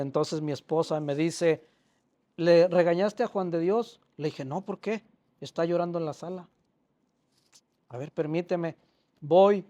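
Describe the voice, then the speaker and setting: An older Mexican man presents his book in a public library hall by telling his own story to the audience. His voice is on the high side with a darkish tone, and he speaks plainly and emotionally, quoting dialogue as he goes.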